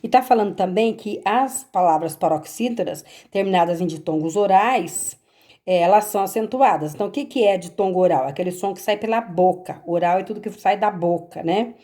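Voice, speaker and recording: Speaking a little fast in a warm, medium-pitched voice, a Brazilian woman teacher with a Brazilian Portuguese accent reviews homework corrections patiently, walking pupils through each step and checking in with them.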